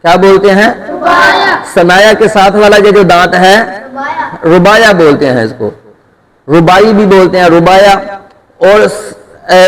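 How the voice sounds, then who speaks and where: High-voiced man drilling letter sounds. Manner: asks questions and answers them himself, stretches letter sounds. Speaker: Quran recitation teacher. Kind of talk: Urdu tajweed lesson, call-and-response drilling. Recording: long hall reverb.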